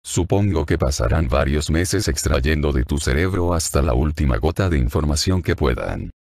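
Male narrator voicing a hardened woman agent, dry and mocking, extremely low voice with a dry studio sound. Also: animated, moderate pace, creaky, darkish tone, dry recording, heavily acted. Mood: cool, sardonic. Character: Russian woman agent, hardened, sardonic captor.

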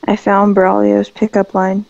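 A woman's voice: mid-range voice, monotone, measured pace, vocal fry, a little mellow, dry recording. A woman talking over a voice call whose audio glitches and breaks up while she reads lines aloud playfully. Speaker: friend on a voice call during a game. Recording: dull lo-fi voice call.

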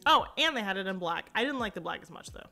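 A young woman talks through a home decor shopping trip in a relaxed, chatty way. Her tone is bright and forward, and it comes across clearly as she chats. She peppers her talk with fillers and quick asides. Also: mid-range voice, faint music behind. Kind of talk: casual shop-with-me voice-over.

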